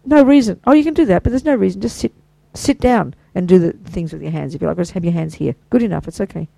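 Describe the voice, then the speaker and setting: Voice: medium pitch, quick pace, creaky, no room sound, poor audio. Older buddhist teacher chatting thru a practice, super enthusiastic, lots of asides, dry close sound. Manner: chatty and enthusiastic, full of warm praise and asides. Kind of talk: informal dharma teaching to a small group.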